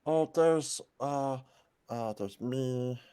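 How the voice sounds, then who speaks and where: A man's voice: mid-range voice, drawn-out words, dark tone, clear, resonant tone, pitched above the performer's own voice. A man voicing a flustered hunched pig-snouted miner. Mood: rambling. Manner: rambling and flustered, many restarts. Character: small hunched pig-snouted grey-haired creature miner.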